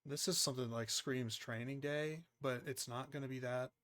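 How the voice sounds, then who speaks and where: A man's voice: medium pitch, fairly even intonation, moderate pace, a bit bright, dry recording, clean studio sound. A man playing as a quiz contestant, chatting casually, thinking aloud and swearing freely.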